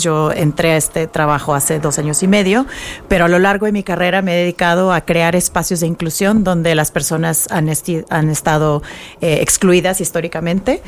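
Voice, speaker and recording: Low-voiced Mexican woman, thoughtful guest. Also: fairly even intonation, moderate pace, slight background noise. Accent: Mexican Spanish. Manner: thoughtful, many fillers and restarts. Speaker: guest, nonprofit executive director. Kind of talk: radio interview.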